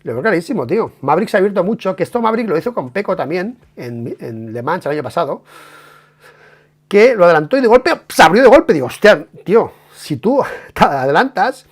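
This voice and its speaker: A man with a Spain Spanish accent, giving a casual, emphatic live stream analysis of a motorcycle race, swearing and tagging his points with quick questions. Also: high voice. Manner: animated, emphatic, swears, many tag questions.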